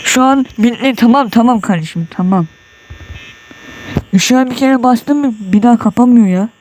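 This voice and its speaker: A very high-pitched, darkish voice at a moderate pace carries this horror game commentary, with slight background noise. The gamer is sweating and nervous, tense and jumpy, muttering prayers and exclamations and yelping when startled.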